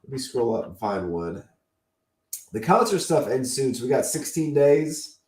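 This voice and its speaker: A man's voice: medium pitch, very animated, moderate pace, darkish tone. Co-host, man, fading voice, keen opinionated collector chat, roomy echo. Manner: enthusiastic, opinionated collector talk. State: losing his voice. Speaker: podcast co-host. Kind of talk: casual chat.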